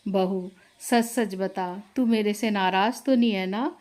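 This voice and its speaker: A woman voicing a gentle, remorseful elderly mother-in-law in a storybook tale, speaking softly and lower than her narrating voice. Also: takes it slowly, lightly acted. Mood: pleading.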